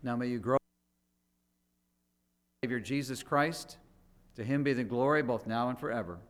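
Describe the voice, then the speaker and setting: A man's voice: medium pitch, normal speed. Man giving a solemn benediction, reverberant hall. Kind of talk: solemn closing blessing. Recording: echoey hall with long reverb.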